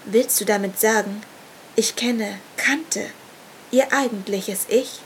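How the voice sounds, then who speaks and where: A woman's voice: medium pitch, slow pace, slight background noise. Hateful, distrustful cult warrior, read by a woman tense and questioning. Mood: suspicious.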